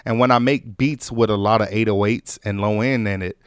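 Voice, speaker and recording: A man hosting a music production tutorial in a loose, conversational way, full of fillers and restarts, his voice still a little hoarse from an illness. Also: on the low side, steady tone, brisk, dry recording, clean studio sound. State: recovering from illness, slightly hoarse. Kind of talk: casual on-screen tutorial.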